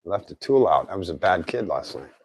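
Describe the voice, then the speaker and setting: Brisk and animated, this man has a low voice with a breathy edge, heard through poor audio. As a DIY car repair presenter, he thinks aloud informally while giving a casual hands-on tutorial, his articulation slightly off after recent oral surgery.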